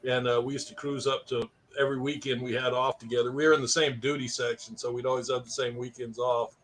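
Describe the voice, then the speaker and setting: A man's voice: medium pitch, flat delivery, fast talker, a bit bright, slight background noise. A middle-aged man telling rambling stories in a casual chat, laughing often.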